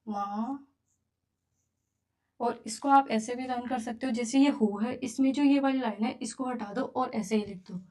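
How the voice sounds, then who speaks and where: Woman, beginner writing teacher, mellow and warm, slightly high, patient stroke-by-stroke counting. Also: a little slow. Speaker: Japanese teacher.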